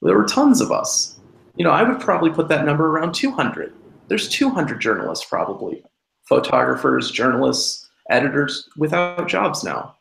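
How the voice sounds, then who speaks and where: Young male panelist, 20s, earnest and halting, gravelly voice, echoey room sound. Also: on the high side, big pitch swings, a bit bright, a little hiss or hum. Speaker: photojournalist panelist. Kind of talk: casual panel discussion.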